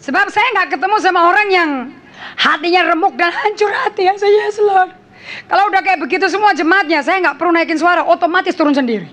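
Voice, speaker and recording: A woman preaching a forceful sermon, slipping English phrases in and calling out to the congregation. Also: extremely high pitch, quick pace.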